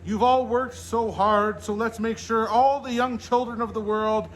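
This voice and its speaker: A man's voice: sits high, fairly even intonation, measured pace, a little hiss or hum, pitched above the performer's own voice. A man voicing a jolly, kindly old Santa Claus in a storybook, hearty and encouraging as he leads his team. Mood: hearty, rallying.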